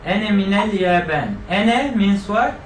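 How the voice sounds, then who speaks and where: A man's voice: high voice, expressive, rapid-fire, recorded from a distance, background noise. A man teaching a classroom grammar lesson, quizzing students and repeating their answers back to them. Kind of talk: classroom lecture with student drills. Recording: echoey room picked up from afar.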